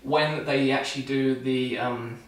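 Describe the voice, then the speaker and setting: A young man vlogs casually while shaving, giving a rambling film review full of restarts and dry sarcasm. His mid-range voice keeps fairly even intonation at a measured pace. The mic is far off in an echoey room.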